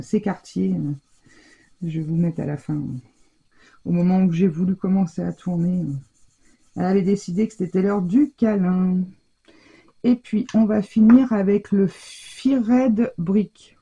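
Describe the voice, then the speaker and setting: A woman's voice: lowish voice, creaky, warm tone, breathy edge. A woman giving a casual scrapbooking tutorial at home, chatty and hesitant, with many fillers and stumbles over English product names. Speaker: scrapbooking crafter demonstrating.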